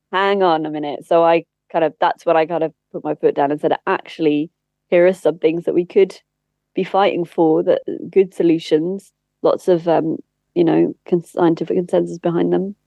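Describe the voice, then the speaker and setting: A former spokesperson and campaigner gives an interview, explaining things conversationally with candor and earnestness. Her voice is low and warm with vocal fry, steady in tone and moderate in pace, recorded with no echo.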